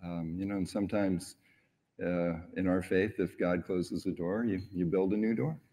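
This middle-aged man's voice is low-pitched and mellow, with a steady tone and moderate pace. Honored with an award, he tells stories in an interview on a large indoor event stage through a lapel mic, earnest and reflective but frequently hesitating.

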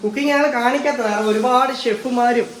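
Fast-talking rambling man vlogging at home. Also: extremely high pitch, a bit bright, a little hiss or hum. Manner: rambling and talkative, mixes in English words. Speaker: family vlogger filming his partner cooking. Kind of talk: casual chatty home vlog. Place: home kitchen.

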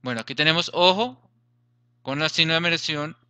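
A man's voice: a little high, brisk, pushed and bright, clear, resonant tone, no echo. A man teaching a grammar lesson, explaining patiently, repeating points and checking that students follow.

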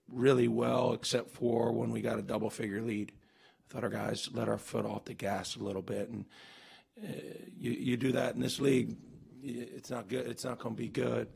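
This coach in his forties has a gravelly, husky voice of medium pitch. Seated at a table microphone after the game, he fields press questions in intense, emphatic spurts, often restarting and using fillers.

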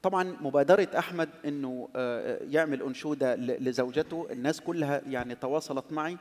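A middle-aged man with an Egyptian Arabic accent, a panel guest arguing with animated rhetorical questions. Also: medium pitch, quick pace. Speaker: panel guest, religious singer. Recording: long hall reverb.

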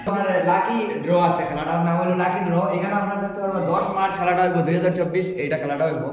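Very fast, high-pitched young man, echoey room. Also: steady tone. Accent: Sylheti-influenced Bengali of southern Assam. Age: young adult. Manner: urgent, repetitive. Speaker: vlogger promoting a lucky draw. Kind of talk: informal sales pitch to camera. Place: small bare indoor room. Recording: very echoey hard room, faint noise, clicks.

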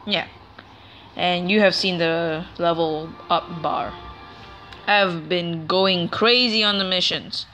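A woman with a lowish, sharp-toned voice provides casual commentary over a video game let's play. She rambles chattily and frequently corrects herself mid-thought.

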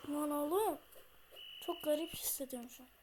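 Excitable high-voiced woman gamer. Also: moderate pace, a little hiss or hum. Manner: excitable, blurts exclamations and slang. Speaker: gaming channel host. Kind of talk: live gameplay commentary.

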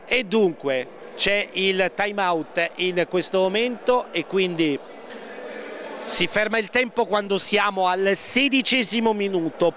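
A man giving live futsal play-by-play, repeating players' names and lifting his voice excitedly at key moments. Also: high voice. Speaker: match commentator. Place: indoor sports hall during a match. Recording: noisy sports hall ambience, bouncing balls.

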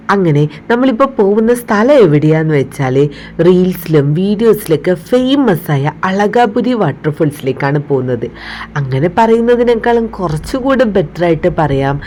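A woman's voice: on the low side, darkish tone, slight background noise. A woman narrating a casual travel vlog, chatting directly to viewers and mixing English words into her Malayalam. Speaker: travel vlogger.

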